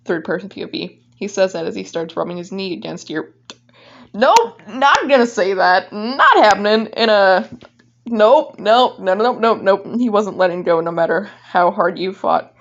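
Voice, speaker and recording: A woman casually reads her own fan fiction aloud, breaking off informally to comment on it. Her medium-pitched voice has lively intonation at normal speed, picked up by a dull, lo-fi microphone.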